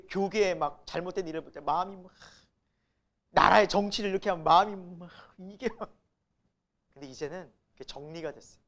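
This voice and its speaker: A middle-aged woman pastor preaching a sermon, emphatic, asking the congregation rhetorical questions and building to exclamations. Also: fairly low pitch.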